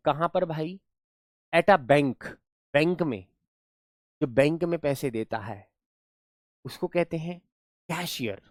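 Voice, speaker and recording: A man's voice: on the high side, fairly bright tone, no echo, studio quality. A young man teaching a live online class in a playful, coaxing way, repeating words for his pupils.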